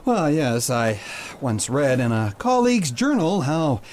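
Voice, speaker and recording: A man's voice: mid-range voice, big pitch swings, unhurried, darkish tone. A man playing a hesitant, politely formal ship's doctor with dry wit in a period sea drama. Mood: genial, curious. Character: genteel, bookish ship's doctor, mild landlubber. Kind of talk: period maritime audio drama acting.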